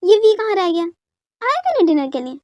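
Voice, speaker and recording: A woman doing a caring middle-aged mother who fusses and coaxes, in a very high, light voice. The sound is dry and close. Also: very animated, quick pace, warm tone, no room sound. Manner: coaxing, fussing.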